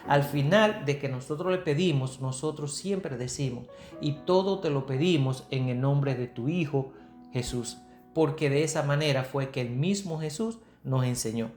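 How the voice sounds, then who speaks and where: A woman's voice: extremely low pitch, normal speed. A woman from the Republic, giving an earnest Bible teaching sermon and answering her own rhetorical questions. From Dominican Republic. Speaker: preacher. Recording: echoey room with soft guitar music. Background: faint guitar music.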